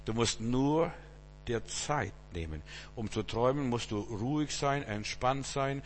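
A man preaching a sermon, swinging between loud emphatic bursts and low quiet asides. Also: lively intonation, a little slow, in a large hall, a little hiss or hum.

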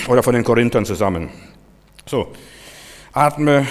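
Older guy preaching, goes quiet then loud and forceful, middle pitch, long echo like a big hall. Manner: swings between soft, low asides and loud, forceful commands. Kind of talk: charismatic sermon.

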